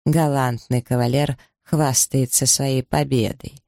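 Man reading as a bitter pious mother, slow cutting scorn, gravelly low-middle voice, dry close recording. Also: little pitch movement, warm tone, no echo. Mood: scornful.

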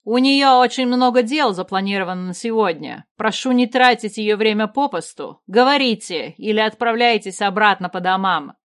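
A woman's voice: mid-range voice, moderate pace, few pauses, close to an everyday voice. A woman reading a fantasy audiobook, voicing a stern, grim and loyal male royal advisor in a clipped manner. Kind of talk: audiobook character voice.

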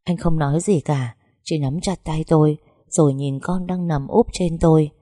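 A woman narrating a first-person audiobook story in a calm, emotional way. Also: deep voice, normal speed, no echo, studio quality.

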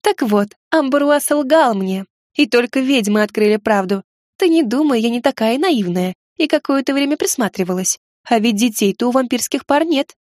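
A woman's voice: a little high, expressive, moderate pace, darkish tone, no room sound, studio quality, close to an everyday voice. A woman reading aloud, voicing a snappish, bitter young sorceress who shrieks and sulks.

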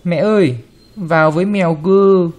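A man's voice: high-pitched, moderate pace, a little mellow, pitched above the performer's own voice, lightly acted. A man voicing a spoiled little boy in a read-aloud story, sulky and pleading.

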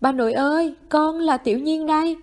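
A woman's voice: high-pitched, moderate pace, a little mellow, pitched above the performer's own voice, close to an everyday voice. A woman voicing a flustered teenage boy who pleads in a raised voice in a story reading. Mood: pleading.

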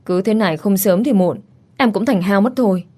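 A woman's voice: mid-range voice, brisk, a little mellow, breathy edge, lightly acted. A woman reading the lines of an affectionate young wife in a storybook, with a coaxing, sweetly whiny way of talking.

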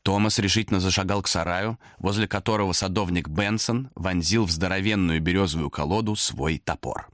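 A man reading a horror story aloud as the narrator of an audiobook, dramatic and expressive. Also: deep voice, brisk, few pauses, no echo, clean studio sound.

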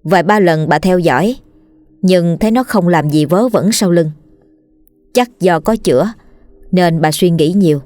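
Woman narrating a horror tale, low-pitched. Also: measured pace, long pauses, dark tone, dry recording. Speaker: storyteller. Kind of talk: scripted horror story narration.

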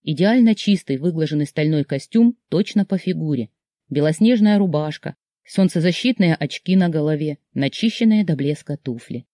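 Audiobook reader, first-person story, warm mellow tone, dry close sound. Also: medium pitch, normal speed, no echo. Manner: expressive, emotional storytelling. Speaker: audiobook narrator. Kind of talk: first-person scripted narration.

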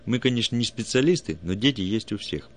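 Eager low-voiced alien curator read by a man, emphatic, storybook. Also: lively intonation, a little fast. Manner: emphatic, lecturing. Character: excited male alien project curator.

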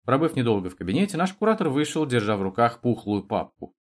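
A man narrating an audiobook in an expressive storytelling manner. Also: medium pitch, quick pace. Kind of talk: scripted narration.

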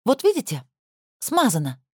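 A young woman lawyer in a spoken audiobook, pitched well up and quick to bristle, as the narrator puts her on. She protests and defends herself with lively, jumping intonation, heard in a dry, close recording. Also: husky, no room sound. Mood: indignant, flustered.

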